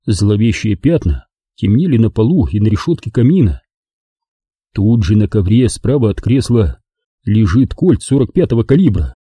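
Brief: male audiobook narrator, husky and dark, lively intonation, dry close sound. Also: lowish voice, moderate pace, dry recording. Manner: expressive storytelling.

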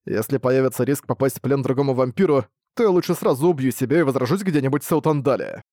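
A man's voice: medium pitch, quick pace, dark tone, no room sound, studio quality, close to an everyday voice. A man voicing a wary young adventurer hero in an audiobook, wry and muttering his thoughts. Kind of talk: audiobook reading.

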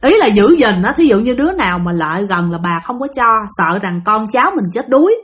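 Chatty woman storyteller with lively pitch. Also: a little fast. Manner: chatty, keeps addressing the listeners. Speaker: storyteller of a channel. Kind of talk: casual spoken storytelling.

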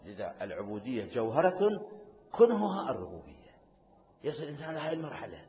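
A middle-aged man preaches in an Iraqi Arabic accent, his delivery surging into loud, urgent outbursts before sinking to a near-whisper of regret. The sound is thin and tinny like a phone line. A long reverb trails every phrase, as in a large hall. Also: mid-range voice, big pitch swings, fast. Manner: impassioned, swinging from loud outbursts to hushed lament. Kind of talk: religious sermon.

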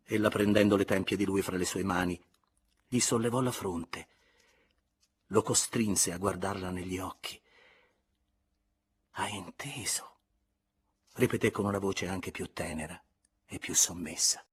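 A man narrating a classic novel in a measured, expressive audiobook reading. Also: low voice, slightly rough. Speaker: audiobook reader.

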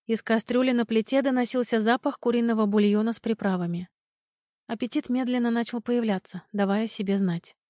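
A woman's voice: on the high side, darkish tone, no echo. A woman narrating a first-person audiobook in a wry, ironic manner, close to the mic.

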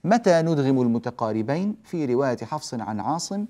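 Man, recitation teacher, mellow warm tone, patient explanations, slow chanted examples. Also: mid-range voice, big pitch swings. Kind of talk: tajweed lesson.

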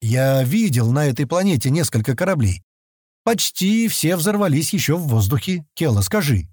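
A terse, suspicious space hunter fires off blunt questions, voiced by a man reading an audiobook. The tone is mellow with lively pitch, and the recording is dry and close. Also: moderate pace, dry recording.

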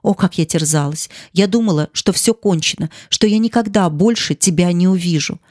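Impassioned young woman in love, put on by a narrator, pleading, raised pitch, audiobook, dry close sound. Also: moderate pace, darkish tone, no echo, lightly acted. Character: passionate young woman, artist's lover and model. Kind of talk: audiobook character reading.

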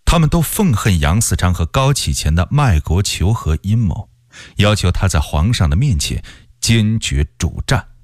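A man narrating a historical story for radio in an expressive, unhurried way. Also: sits low, no echo, studio quality. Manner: expressive and unhurried, with wide swings of voice. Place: radio studio.

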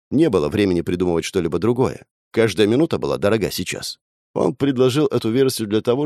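A man narrating a radio play with tense, expressive storytelling. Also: on the low side, no room sound, clean studio sound.

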